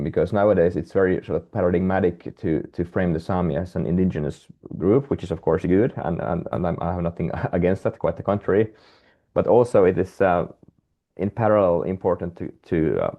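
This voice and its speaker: On a lo-fi webinar call, a guest researcher from Finland speaks Finnish in a low-pitched, gravelly voice. His delivery is halting, full of fillers and false starts.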